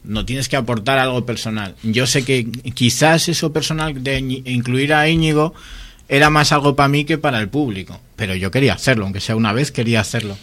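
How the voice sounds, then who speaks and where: This guest, a science video creator with a Spanish accent from Spain, chats casually and tells anecdotes with animation, often quoting people. His pitch is medium and his pace brisk.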